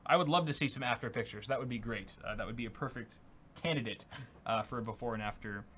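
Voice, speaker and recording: With a mid-range, slightly bright voice and a quick pace, a young tech-show co-host chats casually and reads out donations from viewers. He's upbeat and uses lots of fillers; the recording carries faint background noise.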